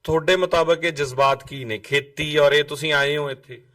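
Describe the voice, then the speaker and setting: A man's voice: a little high, fairly even intonation, moderate pace, a bit bright, recorded from a distance. A man reporting from a flood-damaged house, earnestly describing the damage and asking questions. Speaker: reporter and interviewer. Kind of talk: field reporting.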